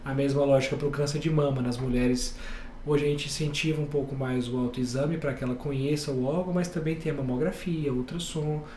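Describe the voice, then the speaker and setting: A man from Bahia, a head and neck surgeon, calmly explaining his specialty step by step on a podcast. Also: mid-range voice, fairly quick, roomy sound, a little hiss or hum. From Bahia, Brazil. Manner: calm, explains step by step with plain examples.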